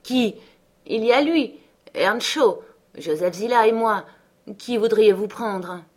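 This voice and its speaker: A woman reading aloud voices a cold, sharp-tongued young woman of the house, speaking curtly. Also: on the high side, slow. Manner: curt, cutting.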